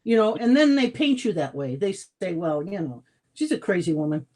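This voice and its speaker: A woman's voice: lowish voice, animated, normal speed, mellow. A woman interviewing a guest in an effusive, encouraging way. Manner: effusive, encouraging, calls guest her hero. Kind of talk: casual interview talk.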